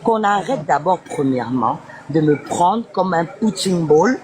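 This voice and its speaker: A woman's voice: fairly low pitch, expressive, measured pace, a crowd in the background, poor audio. A woman guest speaking insistently and emotionally in a live interview, mixing French and Lingala. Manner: pleading, insistent, switches between French and Lingala.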